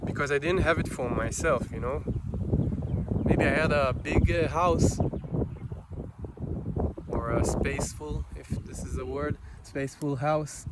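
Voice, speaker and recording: An Israeli vlogger, a native Hebrew speaker, gives an unscripted, reflective personal monologue full of hesitations and long pauses. His voice is a little high, and the recording is very noisy.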